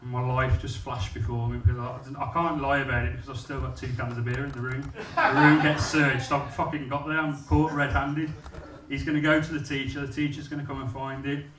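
On a small comedy club stage in front of a live audience, a man from England tells a blunt, self-mocking stand-up story into a handheld mic. His medium-pitched voice is flat, a bit bright and fairly quick with hardly any pauses. He sounds far from the mic, which is off-axis, and the echoey room carries slight background noise and audience laughter.

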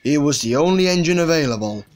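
Man doing a stern stout boss man, bit high, lively, bossy. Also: lightly acted. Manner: firm, brisk, authoritative. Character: stern, portly middle-aged railway boss.

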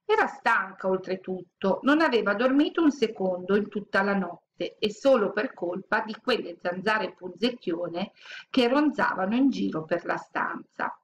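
A woman narrating a children's story aloud in a calm, expressive storytelling manner. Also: medium pitch, a little slow, dull audio, a little hiss or hum. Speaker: audiobook narrator.

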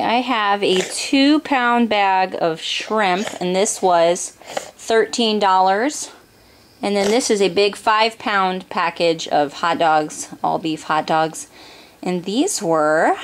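A woman in her thirties chatting through a grocery haul vlog, reading prices off her receipt with pauses and fillers, filmed on a handheld camera in her home kitchen. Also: medium pitch, a little hiss or hum. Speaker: homeschooling mother and vlogger.

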